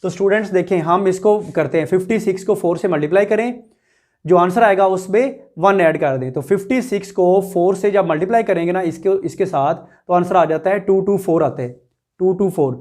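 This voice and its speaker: A man's voice: high voice, brisk, darkish tone. A man teaching a math lesson, explaining each step and asking his students rhetorical questions as he works through the numbers. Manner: addresses students directly and repeats numbers.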